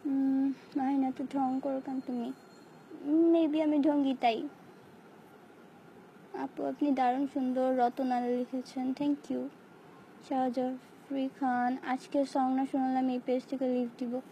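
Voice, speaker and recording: A young woman with a sore, hoarse throat hosts a casual live chat, reading out viewer comments and answering them playfully with English phrases mixed in. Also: sits high, little pitch movement, slow pace, long pauses, muffled recording, slight background noise. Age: young adult.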